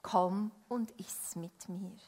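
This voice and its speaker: A calm gentle visitor, as a woman reads. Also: mid-range voice, slow, husky. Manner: quiet, soft-spoken.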